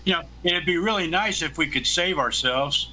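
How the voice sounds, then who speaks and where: A man from the United States in his seventies rambles casually and bluntly about politics, swearing freely, in a slightly high, pushed, bright voice at normal speed. The recording is low quality, with a little hiss or hum.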